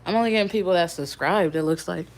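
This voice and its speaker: A woman's voice: fairly low pitch, fast talker. Rambling, chatty young woman on a livestream. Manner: rambling and chatty, talking to viewers; swears casually. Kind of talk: casual live-stream chat.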